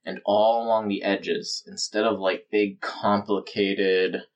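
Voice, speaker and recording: A man's voice: lowish voice, level tone, takes it slowly, highs cut off. A man running a tabletop game as game master, describing scenes in a chatty way full of fillers.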